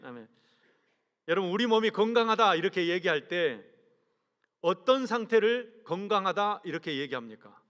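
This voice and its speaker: Long reverb fills this recording from a large sanctuary, where a senior pastor earnestly delivers a sermon. He asks rhetorical questions in a fairly bright, measured voice whose sentence endings drop away low.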